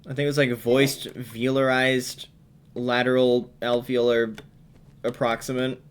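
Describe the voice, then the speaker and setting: A man's voice: mid-range voice, little pitch movement, measured pace, clean tone. A man giving casual gameplay commentary at home, rambling with many fillers and restarts. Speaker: gaming commentator. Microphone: headset or desk mic while wearing headphones.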